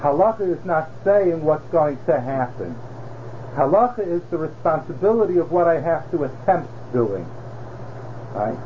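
A man teaching a religious class explains patiently, checking in with rhetorical questions. His voice is fairly high and sing-song at a moderate pace, with slight background noise on a dull lo-fi class recording.

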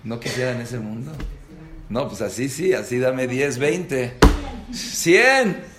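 A man's voice: medium pitch, slow, echoey room, very noisy. A man, a rabbi giving a religious lecture, who tells stories and acts out the people in them. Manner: lively storyteller, acts out quoted dialogue. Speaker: rabbi teaching a class.

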